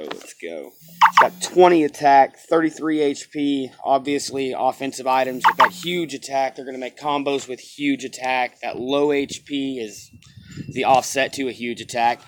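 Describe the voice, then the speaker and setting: A man's voice: mid-range voice, slight background noise. A man giving casual, off-the-cuff review commentary on a game, opinionated and repeating himself for emphasis.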